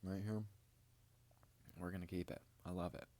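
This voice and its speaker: A man's voice: low-pitched, flat delivery, moderate pace, dark tone. A man vlogging in a rambling, grandiose monologue straight to his viewers. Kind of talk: casual vlog monologue.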